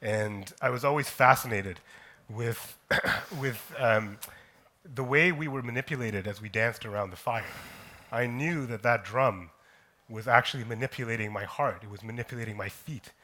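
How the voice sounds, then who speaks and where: A man from Kenya telling his personal story on a conference stage, slow and deliberate, with frequent pauses and "um"s. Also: mid-range voice, sharp tone. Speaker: conference speaker, company co-founder.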